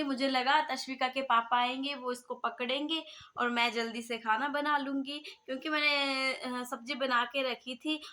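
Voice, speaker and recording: A woman's voice: high-pitched, pushed and bright. A young woman from Himachal Pradesh telling a casual vlog story about caring for her baby, rambling with many fillers and restarts. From Himachal Pradesh, India. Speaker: vlogger mother.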